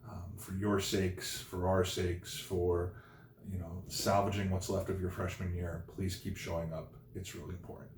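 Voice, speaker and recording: A man's voice: low-pitched, little pitch movement, normal speed. Guy teaching english from home, punchy syllable chanting, echoey room w/ faint hum. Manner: emphatic, chanting syllables for the class to repeat; earnest and gentle when addressing students at the close. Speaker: high school English teacher. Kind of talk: recorded home lesson.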